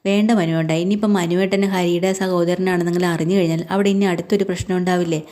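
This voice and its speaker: A woman voicing a gentle young woman who works as a household maid, speaking earnestly and pleadingly in a mellow voice. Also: fairly low pitch, fairly even intonation, quick pace, lightly acted.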